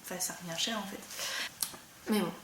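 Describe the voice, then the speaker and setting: A woman hosting a knitting and sewing podcast in a casual, rambling chat, slightly hoarse as she loses her voice. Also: mid-range voice, fairly even intonation, a little slow. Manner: chatty, rambling, many fillers. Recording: roomy room with faint background noise.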